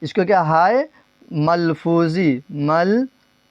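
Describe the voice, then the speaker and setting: A man's voice: a little high, no room sound, highs cut off. Man drilling a grammar lesson. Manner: drills terms, asks and repeats answers; stretches words slowly, then speeds up. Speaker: teacher.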